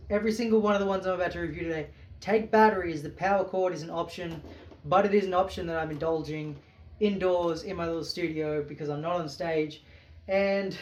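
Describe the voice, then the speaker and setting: A man's voice: on the high side, far from the mic. A man casually reviewing keytars in his small home studio, rambling and enthusiastic, with many fillers. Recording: roomy studio with keyboard music behind.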